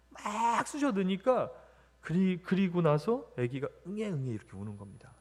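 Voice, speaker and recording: A middle-aged man giving a church testimony, telling a story with big swings between hushed and loud. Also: on the high side. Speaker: radio station branch director giving testimony.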